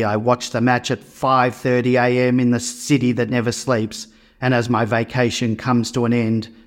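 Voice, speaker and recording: An Australian man reading a scripted introduction as the host of a sports podcast. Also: medium pitch.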